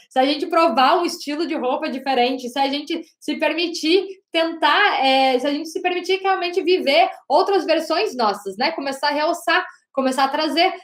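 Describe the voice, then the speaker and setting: A woman teaching an online lesson on body language as a communication coach, talking loudly and emphatically and often checking in with the audience. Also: sits high. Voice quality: loud, projecting voice. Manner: emphatic, with frequent "né?" and "gente". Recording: roomy echo.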